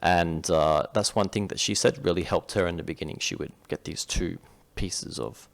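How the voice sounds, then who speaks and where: With a low, creaky voice at a moderate pace, an Australian-accented man from Western Australia tutors viewers through Japanese reading on a casual screen share. He chats and rambles, often restarting his sentences.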